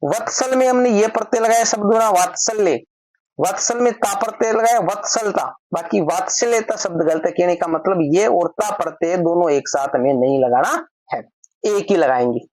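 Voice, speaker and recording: A male teacher talks through a grammar lesson for exam students, pausing to check in and then moving to the next rule. His voice sits close and dry, with no room sound around it. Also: sits high, no echo, poor audio. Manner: steady explaining, often repeats step cues.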